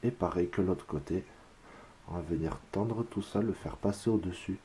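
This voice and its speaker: A man from France calmly explaining a craft step by step, counting his braiding moves aloud as he works. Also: low-pitched, normal speed, slight background noise. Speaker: whip-making instructor.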